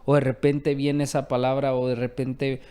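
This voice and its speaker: Hombre de pódcast cristiano, fervoroso. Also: male voice, medium pitch, flat delivery, moderate pace, dark tone, smooth. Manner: affirming, fervent, repetitive emphasis. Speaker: co-host.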